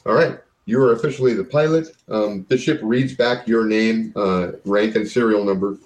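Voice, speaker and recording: A man's voice: on the low side, moderate pace, a little mellow, roomy sound. A man narrating an improvised tabletop game as game master.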